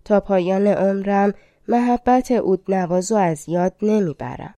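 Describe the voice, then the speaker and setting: A woman's voice: medium pitch, dark tone, dry recording, lightly acted. A proud storybook king, as a woman reads him. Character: proud middle-aged male king, quick to anger.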